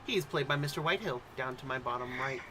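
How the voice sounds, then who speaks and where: A man's voice: medium pitch, fast talker, sharp tone. A man hosting as game master, introducing and narrating a tabletop game like a theatrical storyteller.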